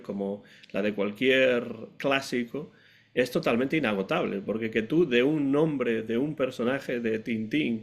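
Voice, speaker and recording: A man hosting an interview, measured and reflective as he comments on the guest's book. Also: medium pitch, vocal fry. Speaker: interviewer host. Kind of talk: casual interview talk.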